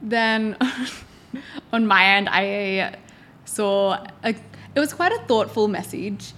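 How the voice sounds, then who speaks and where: A woman's voice: medium pitch, takes it slowly, a bit bright. A woman hosting a relationship podcast, chatting in an upbeat, casual way. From Australia. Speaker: podcast host. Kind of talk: casual chat.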